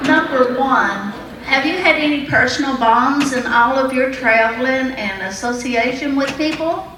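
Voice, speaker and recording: Highish lady panelist asking playful game show questions, echoey with crowd noise. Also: measured pace. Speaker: celebrity panelist questioning contestants. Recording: echoey room, distant mic, crowd noise.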